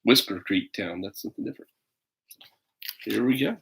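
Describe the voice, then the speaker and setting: His voice sits on the low side, gravelly yet a bit bright, at a normal pace. He's a parent in his thirties on a casual livestream, reading a children's storybook aloud with rambling, hesitant chatter and playful asides.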